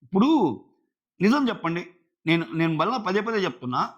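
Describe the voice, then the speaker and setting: Man reviewing, animated, lo-fi. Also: sits high, brisk. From India. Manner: animated, acts out quotes of others. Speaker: show reviewer. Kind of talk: casual commentary.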